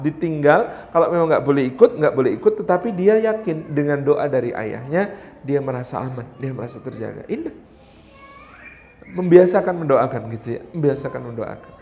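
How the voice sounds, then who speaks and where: Lively high-voiced preacher man. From Indonesia. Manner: animated, acts out mother and child voices, addresses mothers directly. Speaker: preacher at a parenting seminar. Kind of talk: lively seminar talk. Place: hotel function hall.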